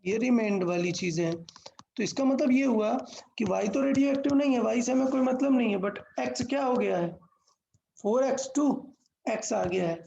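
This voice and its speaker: A woman's voice: on the high side, moderate pace, creaky, warm tone, dull audio, slight background noise. A woman teaching a physics lesson step by step, asking questions and answering them herself, mixing English terms into Hindi.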